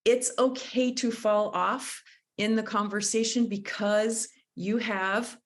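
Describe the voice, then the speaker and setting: A woman's voice: mid-range voice, fairly even intonation, slow. A woman leading a live online workshop on conflict mediation, speaking in a thoughtful, coaching way and sometimes searching for her words over a video call.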